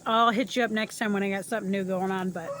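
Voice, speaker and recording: An enthusiastic woman filming a casual cooking vlog, speaking straight to her viewers in an everyday mid-pitched voice. She sounds chatty and excited. A faint background hiss sits under the recording. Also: quick pace. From Indiana, US. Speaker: family farm vlogger. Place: home kitchen, then outdoors.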